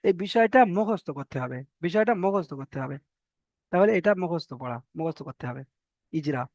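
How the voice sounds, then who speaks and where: A man teaching an online reading class, sounding out letters slowly and repeating them for his students. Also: on the high side, animated, a little mellow, no echo. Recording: dry, slightly muffled online class audio.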